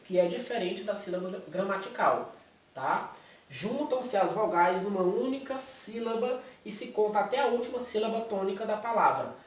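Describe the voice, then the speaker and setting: A male teacher with a Brazilian Portuguese accent, explaining a lesson and checking in with his students at every step. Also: high voice. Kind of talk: recorded classroom lecture. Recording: very echoey room, distant mic, faint hiss.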